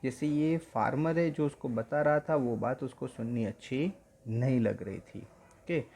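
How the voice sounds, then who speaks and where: A male teacher explaining an English story in Hindi, reading the English lines slowly and then explaining them in mixed Hindi and English. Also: medium pitch, vocal fry, a little mellow, slightly rough.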